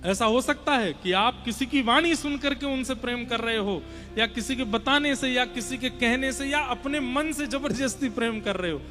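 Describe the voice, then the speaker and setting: Young male preacher, high voice, earnest devotional sermon, soft music under it. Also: moderate pace. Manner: earnest, urges listeners to listen closely. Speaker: kathavachak preacher. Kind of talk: devotional sermon with chanted Sanskrit verses. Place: large hall before a seated audience.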